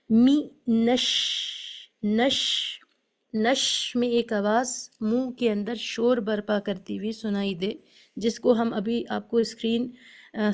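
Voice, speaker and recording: A woman teaching Quran recitation in an online lesson, explaining each sound and modelling it slowly, with English words mixed into her speech. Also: on the high side, creaky, a little mellow.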